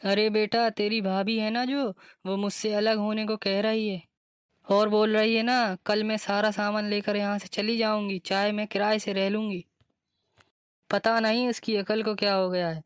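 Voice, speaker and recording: A woman's voice: mid-range voice, normal speed, clean tone, no echo, studio quality, natural voice. A woman voicing an anxious, pleading older mother-in-law in a cartoon. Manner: pleading, flat even delivery. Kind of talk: cartoon voice acting.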